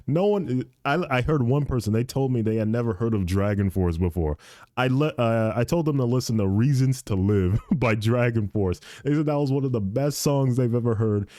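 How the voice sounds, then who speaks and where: A young man talks casually through a solo podcast, loose and rambling, tossing in "dude" often. His voice sits low and mellow. The sound is close and dry, with no room around it. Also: dry recording. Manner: rambling, says "dude" and "good Lord" often. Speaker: podcast host and streamer.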